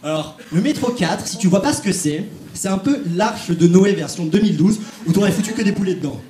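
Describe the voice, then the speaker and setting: A man's voice: high-pitched, expressive, a little fast, warm tone, slight background noise. A young man doing a stand-up comedy set on a theatre stage, chatting straight to the audience. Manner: chatty, addresses the audience directly. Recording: echoey theatre.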